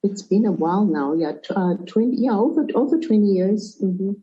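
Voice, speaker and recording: A middle-aged woman from Zimbabwe and Zambia, a podcast guest answering questions in a relaxed way with small restarts. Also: medium pitch, normal speed. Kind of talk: conversational interview answers. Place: remote call. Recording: muffled lo-fi remote audio.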